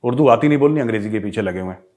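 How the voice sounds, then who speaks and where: A middle-aged Indian man with an Indian accent giving a forceful, rhetorical opinion monologue as a show host, moving between English and Hindi. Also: fairly low pitch, lively intonation, racing.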